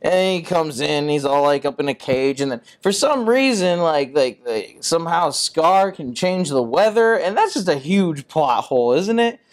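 A young man tells a movie plot as a loose comic rant. His voice sits a little high and swings widely as he leans into mock-outraged asides. He stuffs every sentence with "like.". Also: animated, moderate pace, hardly any pauses. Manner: chatty, full of "like" fillers, mock-outraged asides. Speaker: comedic monologuist. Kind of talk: rambling comedic movie recap.

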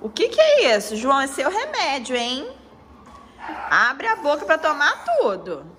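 A woman's voice: high-pitched, huge pitch swings, measured pace, background noise. A woman hosting a children's channel, acting out a pretend doctor visit with a child in a doting, exaggerated sing-song way.

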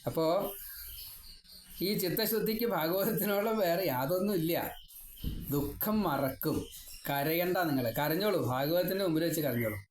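A man giving a devotional scripture lesson. He chants verses slowly, then explains them in a rambling, personal way with wry asides. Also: a little high, a little hiss or hum. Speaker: Bhagavatam teacher. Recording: echoey room with faint ambience.

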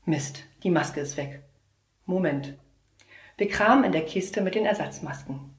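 A young woman trainee teacher performing a humorous slam poem, telling a classroom story in a lively way with sudden shouts. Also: fairly low pitch, measured pace. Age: young adult. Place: theater stage. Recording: roomy echoey stage sound.

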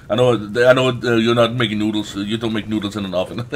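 A let's play host gives casual gameplay commentary in a voice on the low side, exclaiming often, swearing frequently, and stretching out his words. A little hiss or hum sits under the recording.

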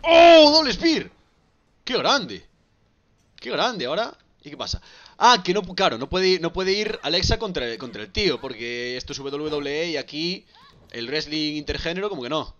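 Galician-accented male streamer, high and lively pitch, excitable shouting commentary, muffled lo-fi audio. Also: fairly quick. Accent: Galician Spanish. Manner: excitable, bursts into shouts and repeats words. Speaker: gaming streamer. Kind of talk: live gameplay commentary.

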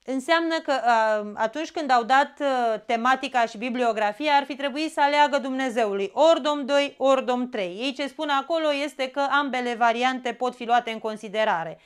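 A high, smooth female voice with a Romanian accent explains grammar step by step in an exam-prep lesson. She often pauses for a quick "da?" to check in.

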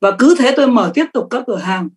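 A middle-aged woman giving a sales training talk, lively and emphatic, often asking the audience questions. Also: fairly high pitch, quick pace, slightly rough.

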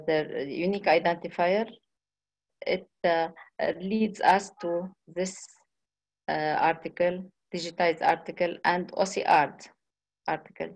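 A woman giving a conference presentation on a video call, speaking haltingly with frequent restarts and pauses. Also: on the low side, darkish tone, poor audio.

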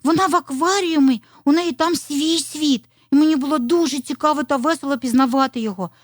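A woman voicing a little girl fox cub, eager and curious, with a high, lively childlike voice in a storybook tale. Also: normal speed, dry recording, clean studio sound. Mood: excited.

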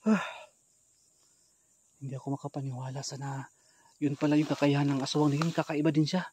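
A man with a slightly high voice films himself hunting for monsters in rural brush at night. He swings between hushed narration and alarmed shouts, sometimes chanting rhythmic mock-Latin prayers. Crickets and insects chirp in the background. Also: flat delivery, fairly quick, husky. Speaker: ghost hunter vlogger. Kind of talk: live outdoor ghost-hunt vlog. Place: rural undergrowth outdoors, insects heard.

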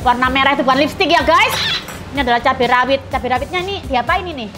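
A woman hosts an eating show in a high voice. She chats to viewers playfully, exclaiming as she eats spicy soup and meatballs. Loud music plays under her talk. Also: fast talker. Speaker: food vlogger host. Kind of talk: mukbang vlog chat to viewers. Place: small eatery, indoors.

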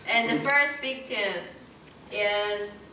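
A woman's voice: medium pitch, slow pace, sharp tone, distant mic. A young woman narrating and moderating a party game for a group. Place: medium indoor common room, group in a circle. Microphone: distant handheld camera. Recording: noisy echoey room, picked up from afar.

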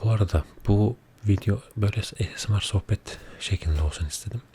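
A man speaking quietly at night in a soft-spoken, confiding ASMR chat, unhurried and often dropping close to a whisper. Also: fairly low pitch. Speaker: ASMR video creator. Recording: audible background noise.

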